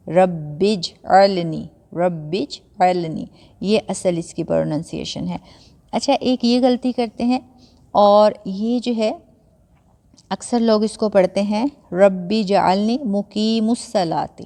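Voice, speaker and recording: A woman giving a patient step-by-step prayer lesson, repeating recitations slowly syllable by syllable and mixing English words into conversational teaching. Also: medium pitch, warm tone, long reverb tail. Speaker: religious teacher.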